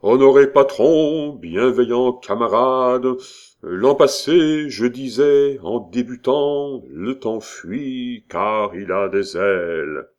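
A man's voice: mid-range voice, unhurried, lo-fi sound, pitched above the performer's own voice, natural voice. A man voicing a pompous, flustered male workshop orator who stumbles through a grand, emphatic speech. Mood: declaiming.

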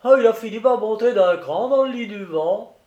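In a dramatised audiobook, a male narrator plays a jovial, drunken lighthouse keeper from a storybook, loud, boastful and coarse, with exclamations bursting out at a raised pitch. The mood is tipsy and rowdy, the pace normal, and the voice close to an everyday one. The lo-fi recording has a roomy sound with a slight ring.

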